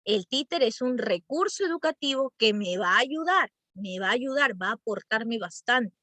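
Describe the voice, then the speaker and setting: A woman's voice: on the high side, a bit bright, no echo. A middle-aged woman teacher giving a workshop lecture, explaining step by step and often checking in with tag questions.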